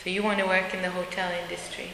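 A woman's voice: on the low side, little pitch movement, fast, creaky. A woman conducting a casual interview in a chatty way, often turning answers back into questions. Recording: echoey room, faint hiss.

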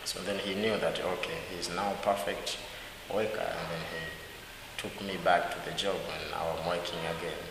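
A man's voice: low-pitched, little pitch movement, normal speed, creaky. A man from Dar es Salaam with a Tanzanian accent and non-native English phrasing, answering interview questions conversationally. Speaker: interviewee, hospitality student. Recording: echoey hall, hissy background noise.

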